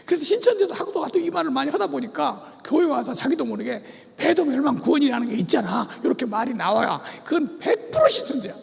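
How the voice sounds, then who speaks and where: A man preaches at a church seminar in a strikingly high, gravelly voice that swings up and down with energy. He keeps firing questions at the congregation and leads them in call-and-response. His voice rings out with a long reverb through the sanctuary. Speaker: pastor teaching about cults.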